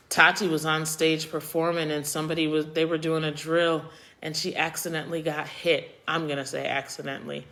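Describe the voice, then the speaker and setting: A woman's voice: low voice, a bit bright. A middle-aged woman hosting a casual live-stream chat, speaking her mind and reacting to viewers, becoming emotional and choked up. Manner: opinionated, reacting to viewer comments. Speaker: host of a live chat show.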